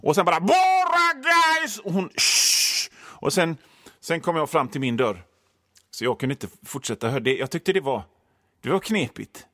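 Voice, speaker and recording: A man telling a rambling comic monologue, improvising with a wry, animated delivery. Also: medium pitch, dry recording, clean studio sound.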